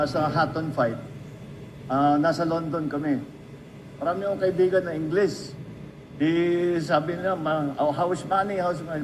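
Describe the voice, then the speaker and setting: High-voiced Filipino man telling stories. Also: background noise. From Philippines. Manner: storytelling, addresses the listener directly. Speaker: speaker giving a tribute. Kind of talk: anecdotal speech.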